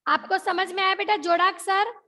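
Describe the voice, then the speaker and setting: A woman's voice: very high voice, steady tone, moderate pace, sharp tone, slight background noise. A young woman with a Gujarati accent teaching an online class, mixing in English words and repeating questions to check that the children follow.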